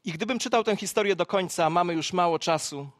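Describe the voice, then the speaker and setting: Emphatic preacher man, fairly high voice. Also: a little fast, dry recording, studio quality. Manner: emphatic, repeats key phrases, swings between loud and soft; storytelling with acted-out quotes. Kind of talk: sermon.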